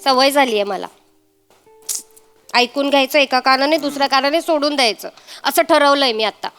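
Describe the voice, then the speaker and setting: Sarcastic, fed-up young wife. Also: female voice, sits high, normal speed, fairly bright tone, faint music behind. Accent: Marathi. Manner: sarcastic, complaining. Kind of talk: sketch comedy acting.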